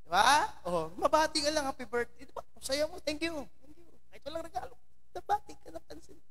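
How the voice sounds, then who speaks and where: High-voiced man preaching in a reverberant church. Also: quick pace, a bit bright. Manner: chatty, teasing asides to congregation members by name. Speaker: pastor. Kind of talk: conversational sermon. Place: church hall. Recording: long church hall reverb.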